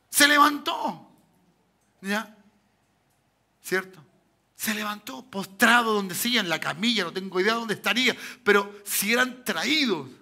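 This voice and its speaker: A man with a Chilean accent, a pastor preaching a sermon full of rhetorical questions to the congregation, with sudden shouted bursts. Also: high-pitched, gravelly. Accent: Chilean Spanish.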